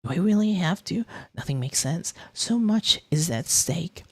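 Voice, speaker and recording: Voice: mid-range voice, animated, a little slow, slightly rough, no room sound, studio quality. A game streamer reading on-screen text aloud theatrically, with casual muttered asides. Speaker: VTuber streamer.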